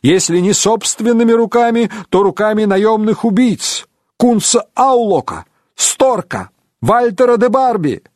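A man's voice: high voice, no room sound. A desperate young man pleads his innocence, read by a male narrator. His voice leaps about with urgent, pleading swings and presses on with heat. The recording is close and dry.

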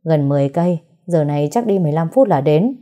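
Một phụ nữ đóng vai chú tài xế taxi trung niên tốt bụng, nói xởi lởi. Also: female voice, sits low, expressive, fast talker, dark tone. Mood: offhand. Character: middle-aged male taxi driver, easygoing and kind.

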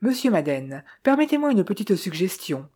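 A woman's voice: mid-range voice, big pitch swings, normal speed, warm tone, husky. A woman reading as an oily, cold secretary. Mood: unctuous. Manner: unctuously polite.

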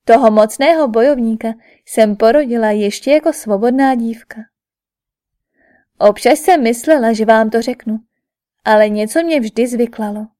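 A woman's voice: on the high side, warm tone, natural voice. A woman voicing a grieving royal mother who confesses an old secret, reading it in a sorrowful, pleading and raised voice for an audiobook.

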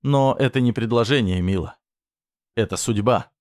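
A man voicing a menacing, possessive man who speaks slowly in a low, threatening tone. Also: no echo, clean studio sound, natural voice. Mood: coaxing. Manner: slow, low, threatening delivery.

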